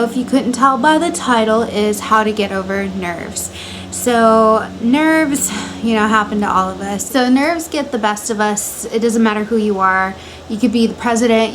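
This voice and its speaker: A woman in her twenties from Montana speaks in a somewhat high voice with an American accent, giving a casual, chatty how-to in the informal manner of a personal vlog. She records in her bedroom at home, and the audio is poor, with an electric fan humming steadily in the background.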